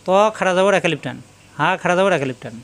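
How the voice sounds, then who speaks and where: A man teaching Quran letter pronunciation step by step, drilling each letter slowly and chanting drawn-out Arabic sounds. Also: a little high, a bit bright. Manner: slow, drilling letter sounds one by one and repeating them.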